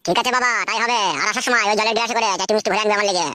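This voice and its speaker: A woman's voice: mid-range voice, rapid-fire, bright, forceful tone, no room sound, clean studio sound, close to an everyday voice. A woman voicing a crude, quarrelsome young husband in a comic cartoon.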